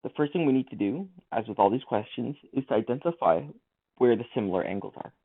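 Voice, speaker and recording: A man's voice: mid-range voice, animated, fast. A man teaching a math lesson, talking through each step of the working aloud. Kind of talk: screen-recorded lesson walkthrough. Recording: tinny lo-fi mic.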